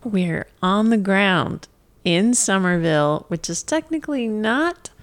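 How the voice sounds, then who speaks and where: A woman co-hosting a casual podcast, playful and quick to laugh. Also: medium pitch, lively intonation. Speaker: podcast co-host. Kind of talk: casual chat. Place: Somerville, Massachusetts.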